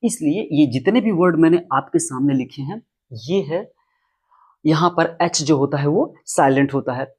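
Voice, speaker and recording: A man's voice: fairly high pitch, normal speed, breathy edge. A man teaching English pronunciation, explaining rules emphatically and repeating key words. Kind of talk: classroom-style explanation.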